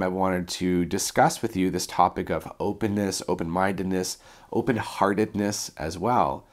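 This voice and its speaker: Male self-help coach, lowish voice, audibly congested, presenting from notes with earnest deliberation. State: congested with a blocked nose, sick. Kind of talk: talking through notes in a self-help lesson.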